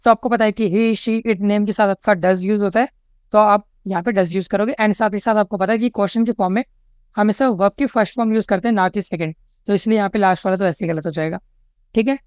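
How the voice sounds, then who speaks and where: A woman's voice: medium pitch, fairly even intonation, darkish tone, clean tone, dry recording, clean studio sound. A woman with an Indian accent, tutoring exam questions step by step and checking in after nearly every point. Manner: says "theek hai" and "chalo" after nearly every step; reads English question lines slowly and deliberately.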